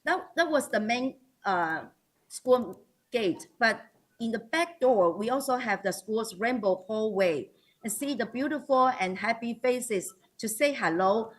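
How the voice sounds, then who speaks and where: A woman with a Taiwanese accent, her fairly high voice animated, presents formal slides in her capacity as a school principal. Her speech is halting, and she often hesitates and corrects herself.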